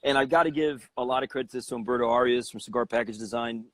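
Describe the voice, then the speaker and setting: A man's voice: medium pitch, fast talker, crowd noise. A man from Cuba, a cigar company president, talking as an interview guest in a confident, persuasive way.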